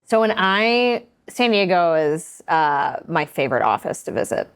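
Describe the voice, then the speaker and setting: Woman, podcast co-host, lower pitch, upbeat teasing questions. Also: sing-song, unhurried, clear, resonant tone. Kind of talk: casual interview chat.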